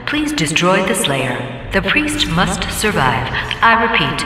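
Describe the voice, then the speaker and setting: A woman voicing a calm female base announcer, speaking in measured, formal announcements over a public address loudspeaker. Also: fairly low pitch. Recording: echoey far-off game loudspeaker with music.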